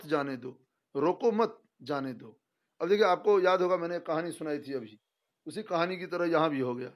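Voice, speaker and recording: A middle-aged male teacher giving a spoken grammar lesson, emphatic and full of rhetorical questions, acting out example sentences. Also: on the high side.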